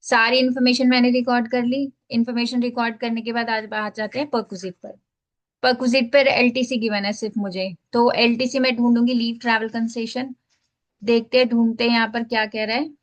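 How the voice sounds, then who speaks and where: A woman teaching a screen-share tax filing lesson speaks briskly in a fairly high voice with little pitch movement. She takes students through the form step by step, mixing English phrases into her Hindi and regularly asking "ठीक है".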